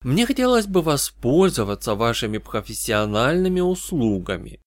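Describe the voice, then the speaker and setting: A suave, soft-spoken French banker of middle age, as a man puts him on. He talks slowly and quietly, each word courteous and smooth, with a French accent. The sound is dry and close. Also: medium pitch, big pitch swings, no echo, close to an everyday voice. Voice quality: hushed, slow and polished, with a French accent.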